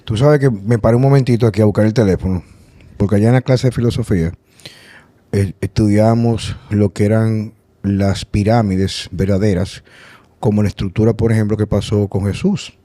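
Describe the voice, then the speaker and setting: A man's voice: fairly low pitch, fairly even intonation, moderate pace, mellow, no echo. A man hosting a podcast, talking in a rambling conversational way with many restarts. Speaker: podcast host. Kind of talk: casual conversation.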